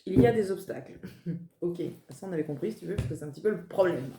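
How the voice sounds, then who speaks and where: A woman's voice: lowish voice, animated, fast talker, dark tone, slight background noise. A woman, a medium giving a casual, chatty card reading at her desk, joking at her own expense. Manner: chatty, self-mocking, laughs at herself. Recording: roomy echo.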